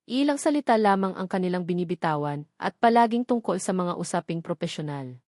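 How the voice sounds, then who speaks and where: Here a woman with a Filipino accent narrates a scripted, dramatic tale in a slightly mellow mid-range voice, captured at studio quality without any room sound.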